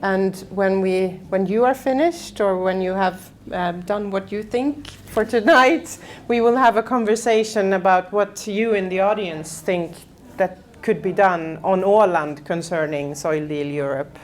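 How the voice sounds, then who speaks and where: A woman hosting an event, opening it with slow, halting speech full of fillers. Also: medium pitch. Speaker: host. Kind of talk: casual event introduction.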